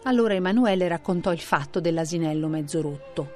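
A woman narrating a traditional children's story in an expressive reading voice. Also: lowish voice, fast talker, soft background music.

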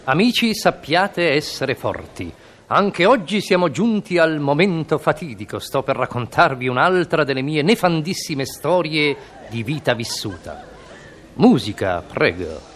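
A man's voice: a little high, very animated, a little slow, a crowd in the background, noisy background. A man telling a comic story on the radio in a mock-dramatic, theatrical way.

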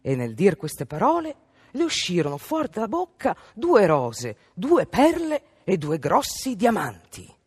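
Animated woman reading a fairy tale. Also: medium pitch, a little slow, husky, no echo, studio quality. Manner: expressive, animated. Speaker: storyteller. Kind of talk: storybook reading on radio.

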